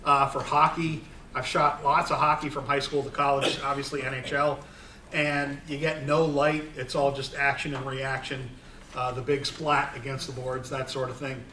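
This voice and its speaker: A man's voice: mid-range voice, level tone, moderate pace, bright, forceful tone, slight background noise. Middle-aged man rambling to an audience. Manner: rambling, with many fillers and restarts. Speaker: sports photographer giving a talk. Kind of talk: casual talk to an audience. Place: room with an audience. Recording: roomy, distant recording.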